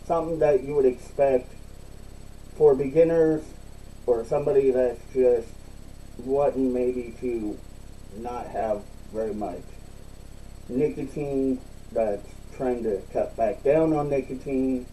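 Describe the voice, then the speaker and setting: Slow, dark-voiced man, slightly distant. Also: mid-range voice, steady tone, a little hiss or hum. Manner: halting, repeats himself. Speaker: product reviewer. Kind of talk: casual, unscripted online review.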